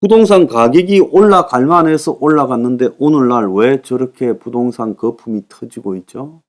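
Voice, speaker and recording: A man's voice: mid-range voice, moderate pace. Emphatic Korean man giving a political commentary. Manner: emphatic, repeats points, often starts sentences with "자". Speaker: political commentator hosting a news briefing. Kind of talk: monologue commentary.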